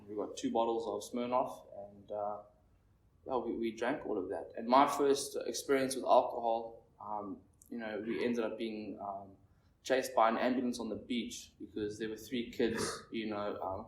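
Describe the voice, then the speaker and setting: In a meeting room full of listeners, a shaky, nervous young man from Zimbabwe, in his twenties, tells of his recovery in a voice on the low side. He stumbles and wanders, filling pauses constantly. The room is echoey, the mic distant, with faint noise.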